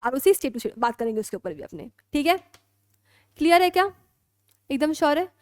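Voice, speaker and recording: An Indian woman lecturing on law with a very high voice. She moves between Hindi and English and keeps asking whether her students are clear. The sound is dry and close, with no room echo. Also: expressive, moderate pace. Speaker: law teacher. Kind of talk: classroom lecture.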